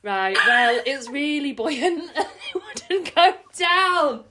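A podcast co-host tells stories with plenty of laughter and the occasional swear word. Her high voice is sharp-toned with lively intonation and a slow pace, over slight background noise.

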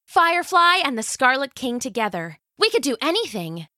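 A woman voicing a rebellious teenage girl hero who speaks high, eager and defiant. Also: very animated, moderate pace, sharp tone, no echo, clean studio sound, full character voice.

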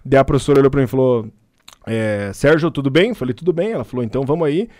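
A young man chatting casually on a podcast, telling a story with lively acted-out voices. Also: mid-range voice, fast talker, no room sound, studio quality. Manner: animated storyteller, acts out voices.

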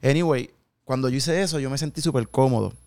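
A man in his thirties gives a heartfelt testimony in an interview. His voice is smooth and clear, at an ordinary pitch, and he acts out the conversations he remembers with slangy asides. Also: fast, a little mellow. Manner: earnest storytelling with quoted dialogue, slangy asides.

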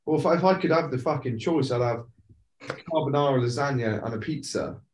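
A man's voice: medium pitch, fairly quick, slight background noise. A man co-hosting a podcast, chatting casually in a laid-back, rambling way and swearing now and then. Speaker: podcast co-host. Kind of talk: casual chat. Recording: roomy echo.

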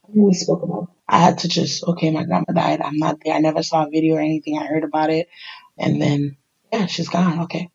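A middle-aged woman telling her life story in a candid, animated conversation, acting out the people she quotes. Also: low-pitched, fast, creaky, husky, dull audio. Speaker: podcast host sharing her life story.

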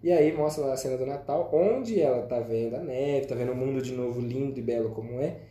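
A man casually walking through a film's plot, explaining scenes point by point. His voice is very dark and mellow. The sound is roomy and echoey. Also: mid-range voice, brisk. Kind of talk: casual film discussion. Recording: echoey room.

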